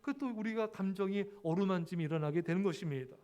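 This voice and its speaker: A man's voice: sits high, fast talker, a little mellow, muffled recording. A man preaching a sermon as pastor, earnest and repetitive, often calling out to his congregation. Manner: earnest, repeats key words, addresses congregation often. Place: church sanctuary.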